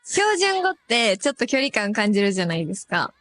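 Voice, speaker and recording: A woman's voice: mid-range voice, big pitch swings, fast talker, fairly bright tone. A young woman with an Osaka accent, a guest on a casual radio chat, explaining her views earnestly with hesitant fillers. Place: radio studio.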